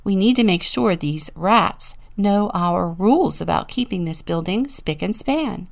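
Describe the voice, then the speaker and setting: A woman's voice: medium pitch, animated, unhurried, gravelly. A woman voicing a fussy, tidy-minded sheep neighbor in a storybook, with a bossy manner.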